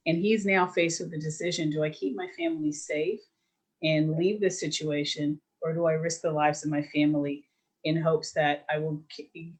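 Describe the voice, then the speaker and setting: A woman's voice: sits low, rough recording. A woman hosting an interview, who encourages her guest and sums up his story in a casual way. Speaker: host.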